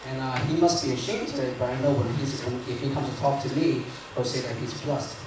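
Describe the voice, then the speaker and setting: A man interpreting a sermon into English live, in a quick, somewhat hesitant way. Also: medium pitch, steady tone. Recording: echoey hall, distant mic, noise.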